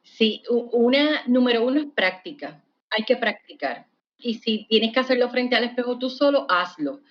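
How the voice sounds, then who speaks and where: A woman's voice: fairly high pitch, lively intonation, moderate pace, dull audio, slight background noise. A woman psychologist, a guest on a podcast, explaining patiently and often checking in with a "right?". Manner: warm explanatory, asks "¿verdad?" often. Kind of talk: podcast interview.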